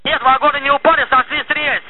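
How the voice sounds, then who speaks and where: A man reporting to a dispatcher over a two-way radio as a train driver, in terse, halting, clipped reports. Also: very high voice, fairly even intonation. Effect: two-way radio transmission. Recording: tinny radio link with loud static.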